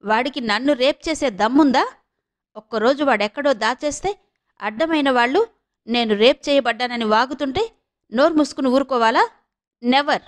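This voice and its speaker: A woman voicing a defiant young woman who speaks sharply and with force, high-pitched. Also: moderate pace, long pauses, close to an everyday voice. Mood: furious.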